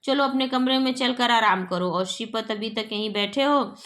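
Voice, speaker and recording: A woman's voice: a little high, normal speed, fairly bright tone, natural voice. A woman reading aloud as a strict, sarcastic mother in a play. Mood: stern. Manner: scolding.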